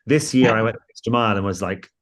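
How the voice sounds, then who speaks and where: A man's voice: on the low side, quick pace. A man with a posh English home counties accent, chatting in a rambling, self-deprecating, enthusiastic way as he tells stories in an interview. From England, home counties. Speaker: interview guest, football club staff. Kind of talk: casual conversational storytelling.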